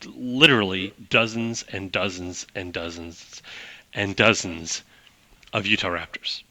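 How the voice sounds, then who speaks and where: A man's voice: low voice, fairly even intonation, a little slow, bright, forceful tone, no room sound. A man narrating a tabletop game as game master, rambling with chuckling asides.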